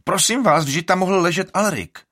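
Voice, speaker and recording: A man voicing an excitable, indignant young boy in an audiobook. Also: high-pitched, voice pushed up. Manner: exclaiming, indignant.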